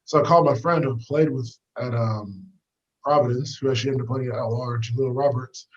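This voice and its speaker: In a relaxed walk-and-talk interview, a young fighter from the US tells stories of his past in a loose, filler-heavy style. He speaks a little fast in a mid-range voice, and the recording has its highs cut off.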